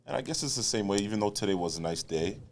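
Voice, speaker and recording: A man's voice: on the low side, lively intonation, fast talker, background noise. A man co-hosting a casual podcast chat, joking and laughing often with the guest. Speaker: podcast co-host.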